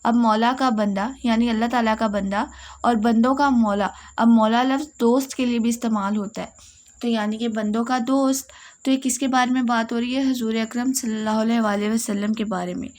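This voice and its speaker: A woman's voice: fairly high pitch, steady tone, darkish tone. A woman with a Pakistani Urdu accent teaching a lesson, explaining step by step and repeating key points.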